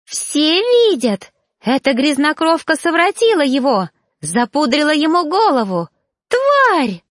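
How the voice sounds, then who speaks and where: A woman's voice: high-pitched, sing-song, unhurried, dry recording, studio quality, pitched above the performer's own voice. A woman voicing a jealous, hysterical young noblewoman who shrieks and squeals.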